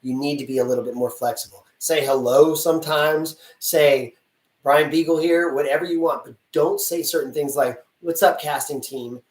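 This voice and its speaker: Speaking at a moderate pace in a fairly high, steady voice, a male casting director answers actors' questions live with blunt, chatty guidance. He stages small dialogues mid-answer, and the audio sounds roomy, as if recorded from afar.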